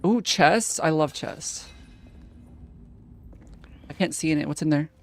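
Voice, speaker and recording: A streamer casually chatting and joking with friends while playing a game. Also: male voice, on the high side, a little slow, soft background music. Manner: playful, repeats words while playing. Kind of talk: casual gaming chat.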